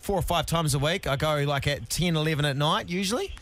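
A man's voice: fairly high pitch, fairly quick, a bit bright, a little hiss or hum. A male radio co-host with a New Zealand accent, bantering casually in a hesitant, self-deprecating way.

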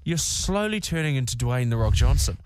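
A man's voice: medium pitch, lively intonation, fairly quick, darkish tone, clear, resonant tone, dry recording. A male radio co-host with a New Zealand accent, trading casual comic banter and teasing quips. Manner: teasing, quipping.

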